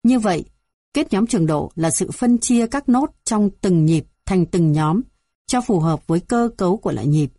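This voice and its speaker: Mellow woman reading a textbook. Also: on the low side, no room sound, clean studio sound. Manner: even, measured reading of numbered items. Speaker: narrator reading a music theory textbook. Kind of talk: scripted textbook narration.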